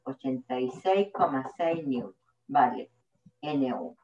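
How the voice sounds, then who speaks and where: A woman with a Chilean accent teaches physics to a class at the board, explaining patiently step by step. Her voice rumbles low, animated and a little mellow, at a slightly slow pace. The recording is echoey and dull, captured with a distant mic.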